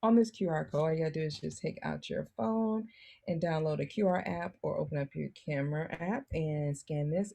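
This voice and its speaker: A woman's voice: low voice, vocal fry, warm tone. An American woman co-hosting an interview show, upbeat and enthusiastic as she wraps up a segment. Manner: enthusiastic, celebratory. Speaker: co-host.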